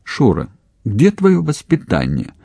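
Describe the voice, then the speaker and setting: Guy doing a fussy old mom, high voice, fretting and exclaiming, kinda husky. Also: big pitch swings, measured pace, mellow, no echo, exaggerated voice. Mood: worried. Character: elderly doting mother, fussy and anxious.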